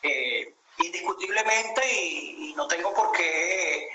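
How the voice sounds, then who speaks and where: A Venezuelan man in his late thirties speaks in a high, bright voice, thinking aloud and restarting his sentences. His video call sounds roomy and echoey, with a faint hiss behind him. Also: slow. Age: 30s. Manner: reflective storytelling, many hesitations and restarts. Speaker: interview guest. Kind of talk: conversational interview over a video call.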